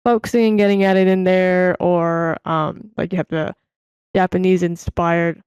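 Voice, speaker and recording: Low, smooth-voiced woman opera singer. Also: level tone, measured pace, darkish tone, dry recording, lo-fi sound. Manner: thoughtful, hesitant, many fillers. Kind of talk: casual reaction chat.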